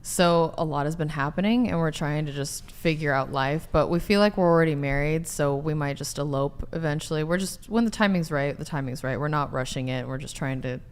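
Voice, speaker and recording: A woman in her twenties, a podcast guest speaking candidly and openly about her life in a relaxed way. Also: deep voice, brisk, few pauses, smooth. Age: 20s. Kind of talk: casual chat.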